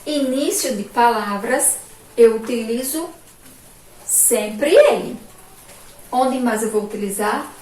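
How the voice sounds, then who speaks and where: A woman's voice: on the high side, expressive, darkish tone. A female teacher with a Sergipe Brazilian accent, giving a remote lesson to children and drawing out each syllable emphatically. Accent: Brazilian Portuguese, Sergipe. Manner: slow, drawn-out, emphatic syllables with frequent "ó" and "olha aqui". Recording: echoey room from far off, faint background noise.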